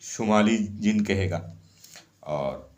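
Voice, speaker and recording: Low-voiced man repeating ritual steps. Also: animated, slow, darkish tone. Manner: repeats each step, often checks with "okay". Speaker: ritual instructor. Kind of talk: casual spoken instruction.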